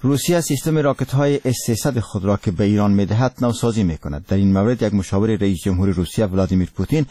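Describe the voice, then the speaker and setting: A man's voice: lowish voice, hardly any pauses, warm tone, breathy edge, no echo, clean studio sound. A man with an Afghan Dari accent reads scripted radio news as a presenter, in a solemn, formal newsreader manner.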